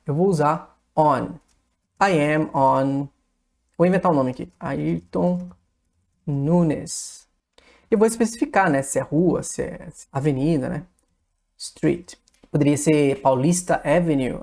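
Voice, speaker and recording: A woman's voice: low voice, a little mellow. A woman with a Brazilian accent, explaining English grammar step by step in a video lesson, with frequent tag questions. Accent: Brazilian Portuguese. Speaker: English teacher.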